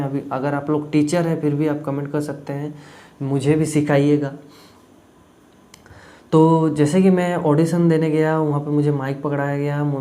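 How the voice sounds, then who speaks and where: A man's voice: fairly high pitch, warm tone. A young man from Jharkhand telling about an audition in a casual vlog, rambling with frequent fillers. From Jharkhand, India. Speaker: YouTube vlogger. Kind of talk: casual talk to camera.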